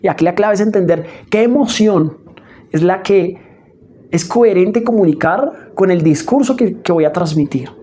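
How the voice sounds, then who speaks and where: A woman teaching public speaking in a spoken lesson, expressive and often checking in with her listeners. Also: on the low side, moderate pace, breathy edge. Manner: expressive, demonstrates emotions with her voice; frequent checking "¿sí?" asides.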